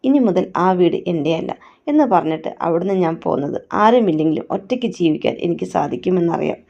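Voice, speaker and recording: A woman's voice: fairly low pitch, expressive, quick pace, gravelly, mellow. A woman voicing a defiant young woman who feels betrayed by her family, emotional and reproachful, on a dull lo-fi recording. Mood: sad.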